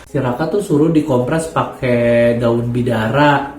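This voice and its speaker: A man voicing a calm grown son who reassures his mother over the phone. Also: medium pitch, a little slow, a little hiss or hum, natural voice. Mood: reassuring. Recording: echoey room, faint music.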